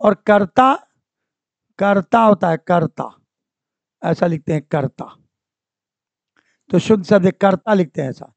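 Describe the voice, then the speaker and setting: The speaker is a Hindi grammar teacher prepping a class for exams; he repeats each word and keeps calling on the class for answers. His high-pitched voice is creaky and measured, broken by long pauses, in a dry, dull lo-fi recording with no echo.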